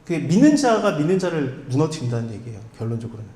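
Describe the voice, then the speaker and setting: Animated male pastor in an echoey hall. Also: a little high, quick pace. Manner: conversational, asks the listeners rhetorical questions. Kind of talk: expository sermon. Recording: echoey hall with long reverb.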